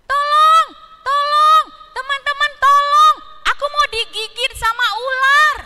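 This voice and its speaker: A woman's voice: very high voice, steady tone, measured pace, very noisy, pitched above the performer's own voice. A woman voicing a lying, mischievous parrot that screams frantically for help and cackles at its tricks. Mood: frantic.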